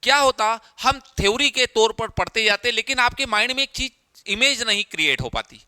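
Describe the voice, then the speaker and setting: A man's voice: very high voice, expressive, fairly quick, sharp tone, smooth, dry recording. A male teacher, giving an exam-prep lecture who explains step by step, repeats key phrases and asks rhetorical questions.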